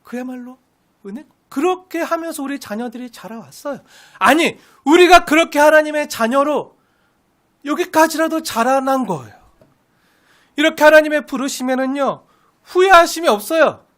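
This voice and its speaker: A woman's voice: sits high, expressive, normal speed, fairly bright tone. A woman pastor preaching an expository sermon, asking the congregation questions and answering them herself, with emphatic stress on key words.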